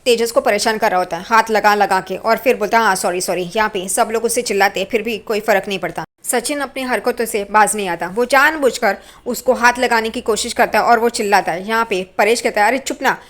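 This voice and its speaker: A woman recaps a TV serial episode in casual narration, passing quickly from scene to scene. Her voice sits high and she keeps up a steady retelling flow. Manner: rapid retelling, quoting characters.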